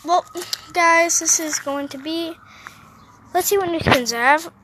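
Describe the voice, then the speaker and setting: Sitting outdoors on a roof, a woman gives her viewers casual, playful commentary while playing a mobile game. Her voice is very high-pitched and unhurried, with background noise picked up by the phone microphone.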